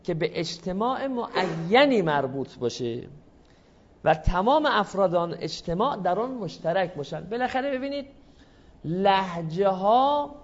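A man with a slightly raised pitch lectures a class, explaining each point in a measured, patient way and turning now and then to address his listeners. The sound is a dull, muffled lo-fi recording. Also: lively intonation. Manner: measured, explanatory, addresses the audience politely and answers questions.

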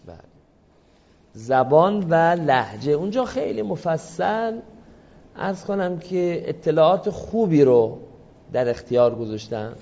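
Measured lecturing man, slightly high voice. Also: sing-song, dark tone, highs cut off. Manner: measured, explanatory, addresses the audience politely and answers questions. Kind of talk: classroom lecture.

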